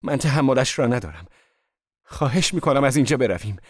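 A man's voice: medium pitch, animated, dry recording, studio quality, voice pushed up, natural voice. A man voicing a distraught young woman in an audiobook, speaking in raised, tearful outbursts. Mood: pleading.

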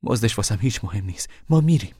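A man voicing a weary, determined poor mother in a novel reading, low and hushed, sometimes forceful. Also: lively intonation, slightly rough.

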